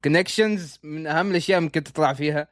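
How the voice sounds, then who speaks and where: A man's voice: on the high side, very fast, dry recording, studio quality. A man with a Gulf Arabic accent chatting casually as an interviewer. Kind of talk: casual chat.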